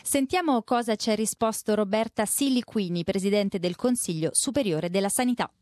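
A woman radio host presenting the news and opening the phone lines, brisk and conversational. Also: mid-range voice, a little mellow, dry recording, studio quality.

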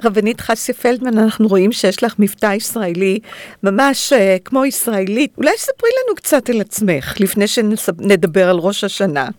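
A woman's voice: medium pitch, animated, a little mellow. A woman hosting a radio interview, putting questions to a guest in a broadcast style.

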